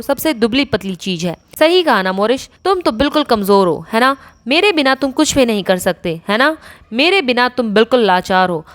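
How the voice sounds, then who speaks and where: A woman voicing a clingy, possessive female talking sword with a shrill, scolding manner. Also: fairly bright tone. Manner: shrill, scolding, guilt-tripping.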